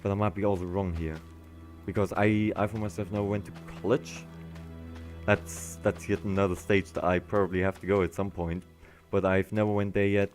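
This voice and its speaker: A man's voice: deep voice, little pitch movement, brisk, a little mellow, faint music behind. A young man casually commenting on his gameplay as a streamer, rambling and often restarting his sentences.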